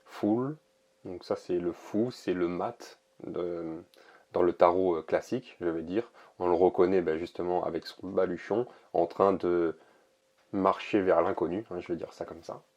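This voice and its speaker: A man casually showing an oracle card deck, talking in a relaxed, hesitant way with many pauses and fillers. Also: sits low, muffled recording. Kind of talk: casual product presentation to camera.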